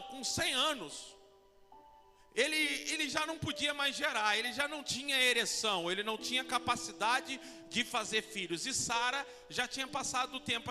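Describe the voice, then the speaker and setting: A man in his forties, a pastor preaching a sermon, halting with fillers and restarts and acting out quoted lines. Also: very high-pitched, bright, forceful tone, long reverb tail. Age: 40s.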